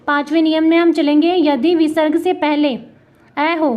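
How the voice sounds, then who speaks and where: High-voiced woman tutor, slow patient lesson. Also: little pitch movement, a little mellow. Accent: Rajasthani Hindi. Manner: asks and answers her own questions; spells out letters slowly. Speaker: Hindi grammar tutor. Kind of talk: classroom lesson.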